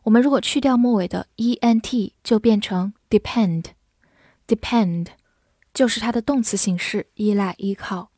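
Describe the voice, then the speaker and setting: A woman teaching English vocabulary in a lesson, patiently spelling words letter by letter and reading example sentences slowly, with Chinese as her first language. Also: medium pitch, mellow, no echo, studio quality.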